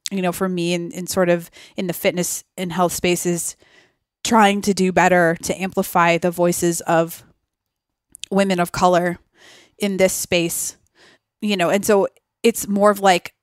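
Smooth-voiced woman podcast guest. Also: lowish voice, flat delivery, measured pace, no echo, clean studio sound. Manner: earnest, reflective, laughs easily. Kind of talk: conversational interview.

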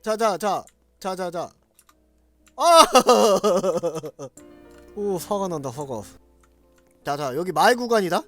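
A man doing loud, excitable gameplay commentary, exclaiming and talking straight to his viewers. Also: high voice, slow, long pauses, no echo, soft background music. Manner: loud, excitable, shouting and laughing often; talks to viewers directly. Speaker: game streamer.

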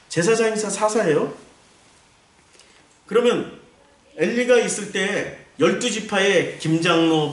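A man, a pastor, teaching a Bible lecture in a lively way, asking rhetorical questions and acting out scenes. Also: high-pitched. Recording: roomy echo, distant mic.

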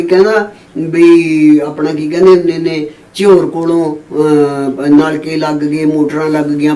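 A woman's voice: low voice, darkish tone. Emphatic woman guest, echoey and distant. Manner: emphatic, often adds tag questions. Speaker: author and guest. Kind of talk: conversational interview. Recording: echoey room from far off.

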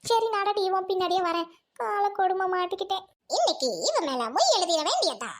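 Lady voicing a scheming old village granny, fast whiny cartoon voice. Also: very high-pitched, sing-song, full character voice. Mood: pleading. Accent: central Tamil Nadu. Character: sly old village woman, scheming fish thief.

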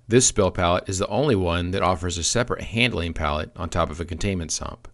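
Male product trainer with a deep voice, reading a script with dry, deadpan humor.

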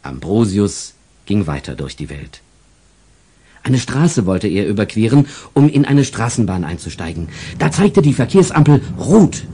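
Male children's storybook narrator, lively pitch, mellow and husky. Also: unhurried, a little hiss or hum.

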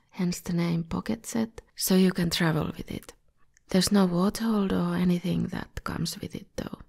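In a voice-over, a woman hosts an art tutorial, reading in a scripted style while a bit ill. Her fairly low voice is gravelly, husky and a little mellow, slightly scratchy from being under the weather.

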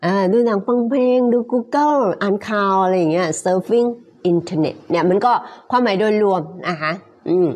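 A woman teaching English pronunciation, repeating phrases word by word and then explaining them quickly, with frequent polite particles. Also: medium pitch, animated, a little mellow. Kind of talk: live-streamed pronunciation lesson.

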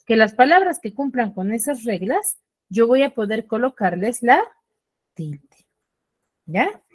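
A woman's voice: a little high, very animated, a little slow, dry recording. A woman teaching an online class on a video call, drilling students with repeated questions.

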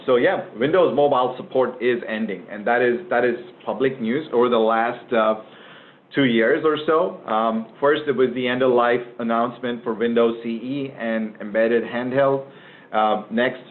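A man's voice: medium pitch, slight background noise. A man presenting a business webinar on warehouse devices, talking loosely with many fillers and tag questions. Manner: lots of fillers and restarts, says "right?" often. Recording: tinny phone-line webinar audio.

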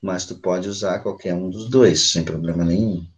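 Speaking in a deep voice at a moderate pace, this Brazilian-accented English teacher in his forties walks a student through the material patiently, one step at a time, tossing in small checking tags. The online lesson mixes Portuguese and English, recorded through a computer mic on a video call from a small room at home or a study with bookshelves.

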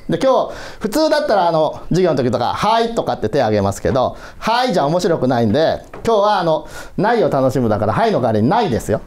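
Middle-aged male workshop leader, playful and coaxing, pitch ranging widely. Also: wildly swooping pitch, fast talker, hardly any pauses, a little mellow. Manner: playful, coaxing, laughs often. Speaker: workshop instructor. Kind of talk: children's workshop instruction. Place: museum hall, indoors.

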